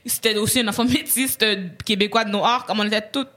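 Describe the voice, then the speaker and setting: A woman actress from Haiti, telling animated stories and laughing often in a casual panel chat. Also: fairly high pitch, fast.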